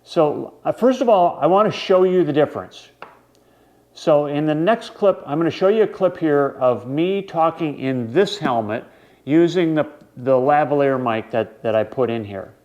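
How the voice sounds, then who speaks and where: A man hosting a vlog, explaining equipment in a casual, halting, conversational way. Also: a little high, expressive, darkish tone, lo-fi sound. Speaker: snowmobile vlog host.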